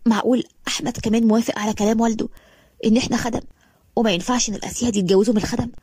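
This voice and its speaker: Crying heartbroken young maid, woman voicing, high, breathy, Egyptian accent, storybook. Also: fairly even intonation, racing, warm tone, no room sound. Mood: despairing. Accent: Egyptian Arabic. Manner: tearful, despairing, self-scolding.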